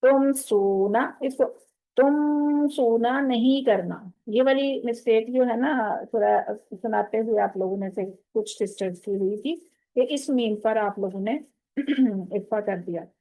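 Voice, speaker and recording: A woman's voice: mid-range voice, unhurried, vocal fry, mellow, poor audio. A woman with a Pakistani Urdu accent teaching Quran recitation rules online, explaining patiently and quizzing her students. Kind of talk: online tajweed lesson to women students.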